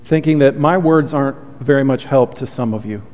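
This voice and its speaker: Long hall reverb surrounds a pastor speaking fairly quickly in a mid-range voice. His preaching is earnest and heartfelt, soothing in tone, and punctuated by soft confessional asides.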